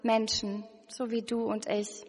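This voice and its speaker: A woman's voice: a little high, monotone, measured pace, long reverb tail. A woman preaching a sermon, reading scripture and asking the listener searching questions in an earnest way.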